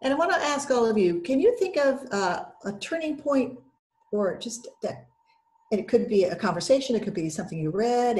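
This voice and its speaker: A woman's voice: medium pitch, a little mellow. Woman moderator asking long questions. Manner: conversational, asks long questions. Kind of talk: video call panel moderating. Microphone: video call.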